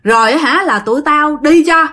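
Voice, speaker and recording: A woman voicing the restless ghost of a young man, rough and demanding, with a Southern Vietnamese accent. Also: high voice, moderate pace, pushed and bright, pitched above the performer's own voice. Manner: pleading and demanding, rough blunt talk.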